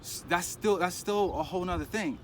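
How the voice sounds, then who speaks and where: A man in a casual vlog, telling a personal story in a rambling, animated way and acting out other people's lines. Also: high-pitched, fairly quick. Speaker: crypto vlogger. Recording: outdoor street noise, passing traffic. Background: traffic noise.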